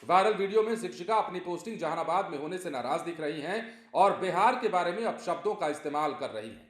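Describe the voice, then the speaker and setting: A man's voice: high-pitched, expressive, fast talker, fairly bright tone. A man presenting a news report with commentary, emphatic and repeating phrases for effect. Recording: roomy echo.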